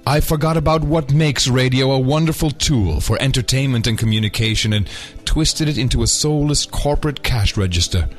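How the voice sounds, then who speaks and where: A man voicing the stern, mournful ghost of a greedy businessman in an audio drama, with an unearthly voice and solemn, drawn-out delivery. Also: mid-range voice, soft background music, natural voice. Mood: mournful, regretful.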